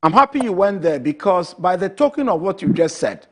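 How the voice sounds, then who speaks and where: A TV show host with a Ghanaian English accent conducts an interview, asking questions formally and emphatically while addressing his guest as madam. His high-pitched voice is very animated and fairly quick.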